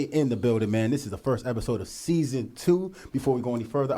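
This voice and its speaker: Young male podcast host, hype and slangy, fast and animated delivery. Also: a little high. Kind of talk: casual podcast chat.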